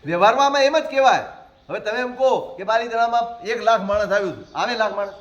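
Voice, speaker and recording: A man, a Jain monk, preaching a sermon in a conversational way, with rhetorical questions and gentle humor. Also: sits high, quick pace, lo-fi sound.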